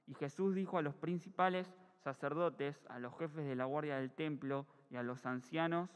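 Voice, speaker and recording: A man reading scripture aloud at a church meeting, steady with brief self-corrections. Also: fairly high pitch, moderate pace, clear, resonant tone. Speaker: scripture reader. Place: church hall. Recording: echoey church hall.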